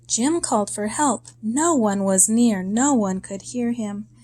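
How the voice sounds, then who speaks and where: Here a woman with a voice on the high side narrates a children's story. She delivers it in short, expressive, deliberate phrases with pauses between them.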